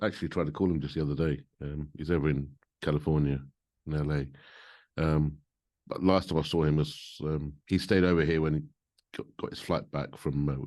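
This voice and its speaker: A male interviewer with an extremely low, deep voice. He shares brief memories and chimes in with short agreements during a casual chat. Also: darkish tone. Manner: brief backchannels and short reminiscences. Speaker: interviewer and keyboard player.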